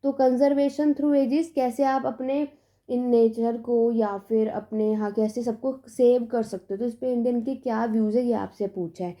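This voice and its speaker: A woman's voice: on the high side, steady tone, measured pace, mellow. A young woman tutor giving emphatic, repetitive exam tips in a casual lesson, often checking in with her students. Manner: emphatic, repetitive reassurance with "theek hai" checks.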